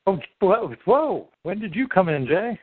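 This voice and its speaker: A man's voice: high-pitched, big pitch swings, no room sound. A middle-aged man hosting a podcast, chatting casually and hesitantly on a three-way phone call. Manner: hesitant, halting, wordy. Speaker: podcast host. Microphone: telephone call. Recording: tinny phone-line sound.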